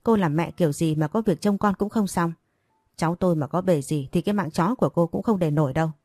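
A woman's voice: lowish voice, quick pace, mellow, dry recording, soft background music, lightly acted. A woman voicing a stern older grandmother who scolds sharply. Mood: scolding.

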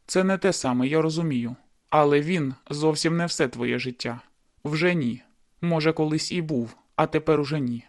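A cocky young man in love, voiced by a woman narrator, speaking low, insistent and a little teasing. The voice sits well below her own and carries a different tone, as in a storybook reading. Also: normal speed, close to an everyday voice. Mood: earnest.

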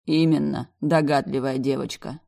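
A woman's voice: extremely low pitch, steady tone, moderate pace, creaky, dark tone. A woman reading an audiobook, voicing a haughty, sneering, domineering man in his dialogue. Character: arrogant mocking adult man, domineering bodyguard type. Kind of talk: audiobook character voice.

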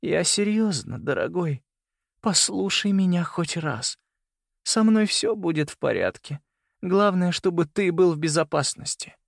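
Guy doing old wolf granny, higher voice, fierce and pleading, dry close sound. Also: lively intonation, measured pace, gravelly, no echo, exaggerated voice. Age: older. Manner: pleading, then snarling. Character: fierce grandmother she-wolf, desperate and protective. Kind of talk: audiobook character voice.

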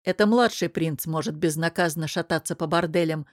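A woman narrating an audiobook in an even, measured storytelling manner. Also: low voice, no echo, studio quality. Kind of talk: scripted narration.

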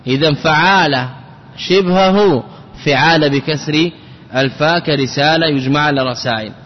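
Guy teaching grammar, slightly high voice, repeats every form, long hall echo, muffled lo-fi sound. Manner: repeats forms slowly, checks students with questions. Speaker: sheikh teaching Arabic grammar. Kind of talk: classroom grammar lesson.

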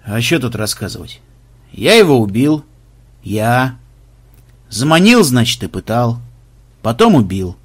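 A grim male executioner, as a male reader puts him on mutters short, sullen answers. His voice is gruff and husky, sitting low. Audiobook character work. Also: sing-song, unhurried, long pauses. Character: grim surly male executioner, middle-aged.

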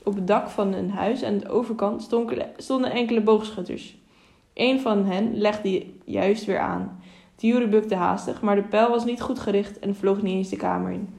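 Woman, audiobook narrator, measured steady reading, mid pitch. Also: gravelly. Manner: steady, measured reading with small self-corrections. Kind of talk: storybook narration.

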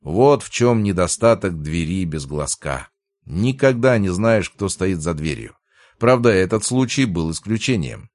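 Low-voiced male audiobook narrator. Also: expressive, unhurried, a little mellow, no room sound. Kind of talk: first-person audiobook narration.

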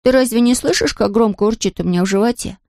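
A woman's voice: fairly high pitch, fast talker, darkish tone, no room sound, studio quality, lightly acted. Proud grumbling fox cub, voiced by a woman. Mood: hungry. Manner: gruff grumbling. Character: young fox cub boy, proud and touchy.

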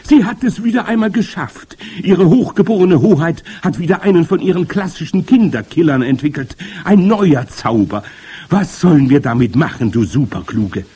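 A pack of shrieking, fawning old witches, put on by a man reading a storybook, eager to please. The cries come out high and loud, jumping in pitch. A husky grain colors the voice. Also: lively intonation, moderate pace. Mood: excited.

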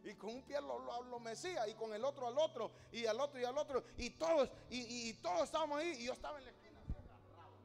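Male preacher, very high voice, storytelling sermon that swells to shouting, long church reverb, faint music. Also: fast talker, vocal fry, few pauses. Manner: storytelling, rising to loud exhortation.

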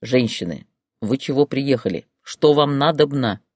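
A stern male boss barks orders slowly and heavily, demanding quiet, as a reader voices him. The voice sits close and dry with no room sound. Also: mid-range voice, no room sound, lightly acted. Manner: slow, barking orders.

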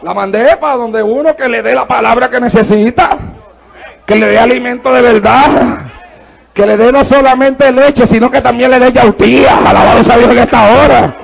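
A man's voice: extremely high pitch, steady tone, moderate pace, vocal fry, highs cut off. A male pastor, preaching a fervent sermon full of praise interjections.

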